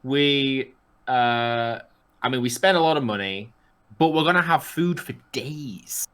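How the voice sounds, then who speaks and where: A man's voice: medium pitch, measured pace, a bit bright, clean tone. A man co-hosting a podcast with casual banter and a playful, teasing way of talking. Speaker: podcast co-host.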